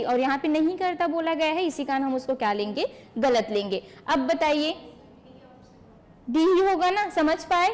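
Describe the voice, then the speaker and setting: A woman teacher giving an exam-prep lecture to an online class, explaining by asking questions and answering them herself, and answering students by name. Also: sits high.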